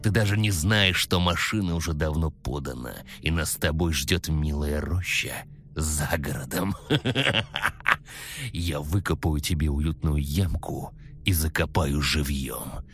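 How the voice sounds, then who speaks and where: A man reading a story aloud, voicing a cocky young man who poses as a creepy maniac and talks in quiet, menacing, whispery tones with sinister chuckles. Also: a bass voice, unhurried, slight background noise, voice pushed down, exaggerated voice.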